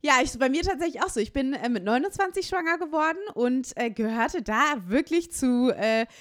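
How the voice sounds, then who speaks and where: A woman with a somewhat high voice hosts a podcast interview. She asks long, friendly, rambling questions full of fillers. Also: expressive, a little fast. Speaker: podcast host. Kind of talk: casual interview talk.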